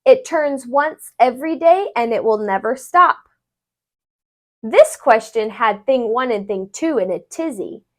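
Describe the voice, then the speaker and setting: Reading a rhyming book for children, a woman tutor speaks in a high-pitched voice, unhurried and expressive, with a sing-song cadence.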